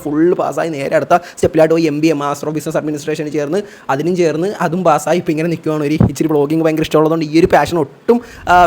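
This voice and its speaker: A young man in his twenties from Kerala, telling a personal story in an emotional, animated way for a Q&A vlog. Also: fairly high pitch. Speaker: vlogger.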